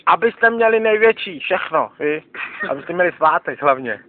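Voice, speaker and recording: A man's voice: fairly high pitch, lively intonation. A man, rambling in slangy street talk and tossing in "more", being interviewed outdoors at night on a handheld camera. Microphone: handheld camera mic. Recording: lo-fi noisy handheld camera audio.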